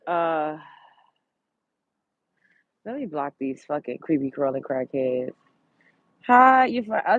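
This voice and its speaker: Out on a street, a stuffed-up Brooklyn woman reads comments aloud to her live stream viewers, talking bluntly and swearing freely. She has a mid-range voice, captured with no room sound and dull audio.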